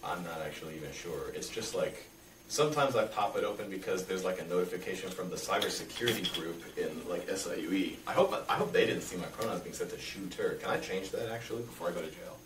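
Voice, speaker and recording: A man's voice: sits low, quick pace, fairly bright tone. A young adult man being interviewed, explaining things casually in a hesitant, rambling way. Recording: echoey room, distant mic, faint noise.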